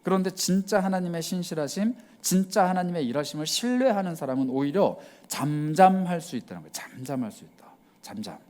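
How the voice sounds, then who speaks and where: A male pastor delivers a sermon in a somewhat high voice that swoops widely as he preaches. He cries out acted prayers, then drops to a near hush on key words. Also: a little fast. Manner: animated preaching, acting out prayers in cried-out voices.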